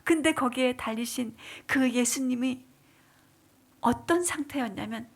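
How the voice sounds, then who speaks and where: A woman's voice: sits high, unhurried, vocal fry. A woman deaconess giving an emotional church testimony, dropping to whispers and rising into pleading cries. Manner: dramatic, drops to whispers then rises into pleading cries.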